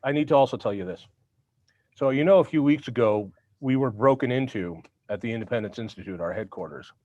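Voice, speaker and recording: A man's voice: medium pitch, fairly quick, darkish tone. A man hosting a casual, humorous show, his speech slurred as if half his mouth were numb. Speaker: host, institute president. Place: online video call show. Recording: dull, lo-fi sound.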